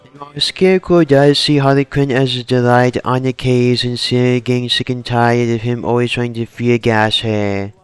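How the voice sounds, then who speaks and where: A man rambles through fan story ideas in long run-on sentences, stacking one hypothetical on the next. His voice is smooth and clear at a mid pitch. He sounds close and dry, with faint music underneath. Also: no room sound.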